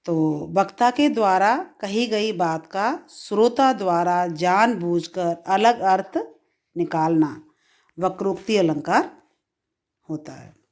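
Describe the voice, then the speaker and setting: Slow, deliberate woman teaching Hindi. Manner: slow, deliberate explaining, repeats key phrases; recites verse examples higher and louder. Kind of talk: grammar lesson.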